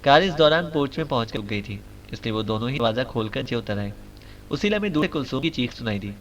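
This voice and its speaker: A man narrating a novel audiobook in a steady, even storytelling manner. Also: medium pitch, a little hiss or hum, low-quality recording.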